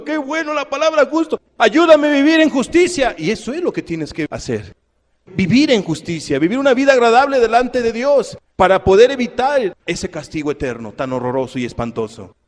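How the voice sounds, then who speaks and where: Man, sermon, high voice, dramatic swings between shouting and near-whispers, repetitive emphasis, long echo of a hall. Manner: dramatic, swinging from loud cries to hushed low tones; repeats words for emphasis. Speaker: preacher.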